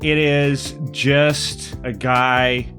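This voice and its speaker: Slow, halting man improvising at the game table. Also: mid-range voice, flat delivery, a bit bright, soft background music. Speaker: player in a role-play podcast. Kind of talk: casual improvised chat.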